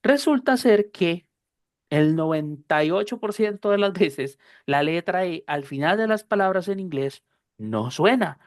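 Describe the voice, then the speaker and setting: An English teacher explains pronunciation to her class, speaking patiently and unhurriedly in a fairly low, slightly mellow voice. She's animated, repeats her points, and checks that students understand. The recording is dry and close, with no room sound.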